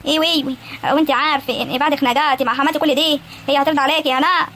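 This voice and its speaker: Speaking very fast with a sharp tone and fairly even intonation, a woman's high voice carries an Egyptian Arabic accent over slight background noise. She's a voice actor in an animated cartoon comedy, playing a bossy but caring young wife and older sister who teases, pries and hands out advice.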